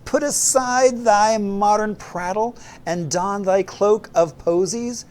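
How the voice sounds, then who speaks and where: A man putting on a grandiose mock-Shakespearean voice, proclaiming in slow, theatrical, old-fashioned verse. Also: a little mellow. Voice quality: booming, theatrical, drawn-out declamation.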